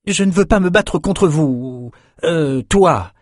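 A man's voice: fairly high pitch, expressive, slow pace, no room sound, clean studio sound, voice pushed up. A man voicing an earnest, somewhat hesitant young man in an audiobook. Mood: alarmed. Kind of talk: audiobook character voice.

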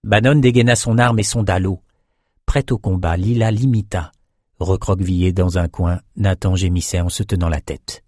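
A man narrating a fantasy audiobook in a measured, steady storytelling manner. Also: low voice, no echo, clean studio sound.

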